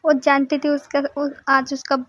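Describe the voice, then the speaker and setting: A woman's voice: high voice, level tone, normal speed, no echo. A young woman casually retelling a story in a loose, chatty way, with fillers and laughs.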